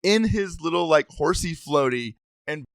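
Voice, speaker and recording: A man's voice: on the high side, lively intonation, vocal fry, no echo. Eager man in a dry, close podcast sound. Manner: eager, quick restarts, laughs often. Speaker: podcast co-host. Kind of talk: casual gaming chat.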